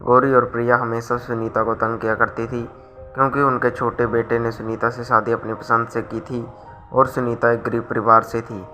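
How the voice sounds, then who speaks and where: Bright-voiced male storyteller, flat delivery. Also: medium pitch, moderate pace, faint music behind, rough recording. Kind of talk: scripted story narration.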